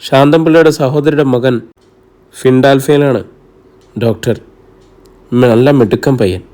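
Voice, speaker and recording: A man's voice: medium pitch, unhurried, a little mellow, lightly acted. A man voicing a serious middle-aged lawyer and father in a novel reading. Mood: matter-of-fact. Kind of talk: audiobook character reading.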